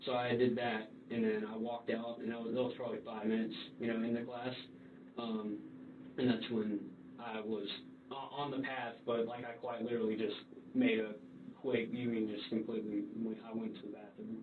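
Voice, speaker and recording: A young man answering in a police interview in a halting, rambling, informal way. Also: medium pitch, level tone. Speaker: suspect being interviewed. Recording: distant roomy, tinny, noisy interview recording.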